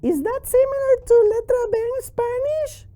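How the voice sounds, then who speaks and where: A man voicing Charlie, an excitable cheeky young boy puppet who blurts out silly answers in a squeaky voice. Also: moderate pace.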